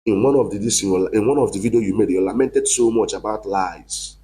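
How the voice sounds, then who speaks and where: A man's voice: on the low side, fairly quick, warm tone, a little hiss or hum, rough recording. A man delivering a heated, accusing monologue to camera, repeating himself for emphasis. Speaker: online commentator.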